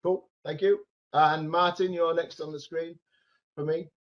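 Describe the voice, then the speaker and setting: A man's voice: on the high side, flat delivery, measured pace. Dull-sounding male meeting chair, hesitant delivery. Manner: hesitant, repeats words. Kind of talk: informal meeting facilitation. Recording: dull lo-fi video call audio.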